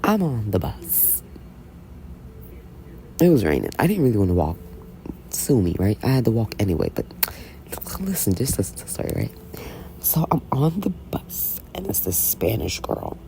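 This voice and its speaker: Animated gravelly-voiced woman telling stories. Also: very deep voice, normal speed, long pauses, a little hiss or hum. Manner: chatty, animated, constantly asks "right?"; blunt and unapologetic. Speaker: Bible reading vlogger. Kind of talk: casual storytelling commentary.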